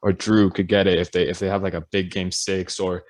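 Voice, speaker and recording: A man's voice: low-pitched, level tone, brisk. A young man co-hosting a podcast in casual chat, hesitant and full of fillers as he works through his points. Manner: hesitant, lots of fillers and restarts. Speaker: podcast co-host.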